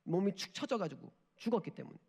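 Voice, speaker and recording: A man in his thirties, a missionary preaching a sermon in a church sanctuary, moving between forceful urging and hushed, near-whispered moments. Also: high voice, lively intonation, fast, creaky, husky. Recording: long hall reverb.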